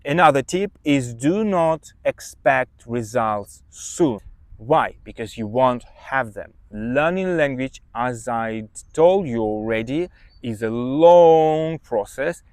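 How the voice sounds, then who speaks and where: Slow, expressive and a little mellow, this medium-pitched Russian-accented podcast host, an English teacher and native Russian speaker, talks listeners through study advice. He stays chatty and emphatic, often asking "yeah?", with no room sound behind him.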